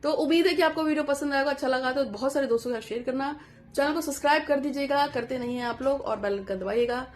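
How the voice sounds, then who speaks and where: A middle-aged woman with a high voice talks viewers through a household remedy in a homely, direct way, dropping in English words. She repeats every wish three times in a steady, chanting rhythm. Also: fast talker. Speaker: astrologer giving home remedies. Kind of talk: devotional how-to talk to viewers.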